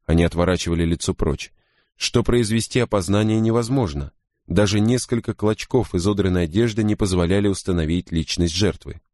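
A man reading a first-person story as an audiobook narrator, in a steady, grave way. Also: deep voice, a little fast, no room sound, studio quality.

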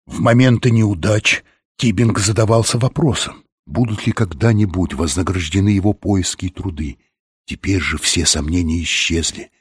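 A man narrates a novel with measured, steady pacing, his voice deep and husky. The sound is dry and close, with no room around it. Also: no room sound. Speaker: audiobook narrator.

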